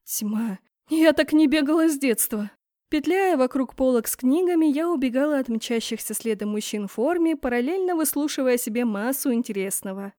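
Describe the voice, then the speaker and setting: A woman narrating a first-person fantasy audiobook in a lively, expressive way. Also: high-pitched, normal speed, no room sound, studio quality. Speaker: audiobook reader.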